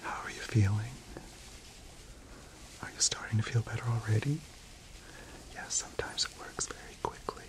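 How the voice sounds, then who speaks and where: Middle-aged man, whispered role-play, soft spa whisper, gentle chemist, soothing and reassuring, ASMR. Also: fairly low pitch, normal speed, pauses often, rough recording. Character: gentle, reassuring male chemist tending to a client. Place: indoor studio set.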